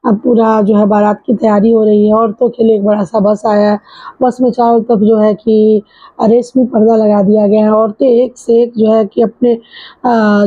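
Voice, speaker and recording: Husky, mellow woman retelling a story. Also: on the high side. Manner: conversational, with frequent fillers and restarts. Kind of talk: casual spoken retelling of a story. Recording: dull lo-fi recording.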